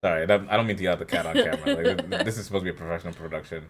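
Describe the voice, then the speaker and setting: A man co-hosting a podcast in casual chat, animated and prone to loud outbursts. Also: low voice, rapid-fire. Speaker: podcast co-host.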